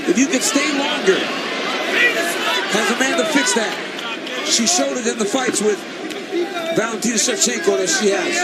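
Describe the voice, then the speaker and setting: A man giving excited, emphatic technical analysis as a colour commentator at a live fight. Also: very high voice, a little slow, long pauses. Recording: very noisy arena, roaring crowd. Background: roaring arena crowd.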